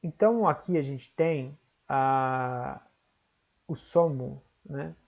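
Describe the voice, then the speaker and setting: A Brazilian-accented man gives an online exam-prep lesson, walking through each point and checking in with short tag questions. His voice has a gravelly, creaky edge. The recording sounds dull and lo-fi. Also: mid-range voice, takes it slowly. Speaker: teacher.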